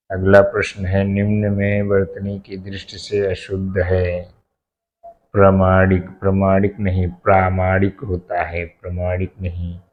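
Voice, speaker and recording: A man teaching an exam-prep lesson, reading out each question and answer in a slow, methodical way and repeating every answer word by word. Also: low-pitched, muffled recording. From India.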